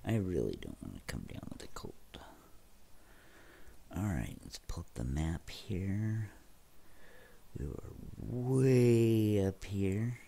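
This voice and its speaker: A young man hosts a let's play, talking casually and directly to viewers in a deep, very animated voice that sounds stuffy and congested. He speaks slowly with a creaky, dark tone and pauses often, and there's slight background noise behind his chatty gameplay commentary.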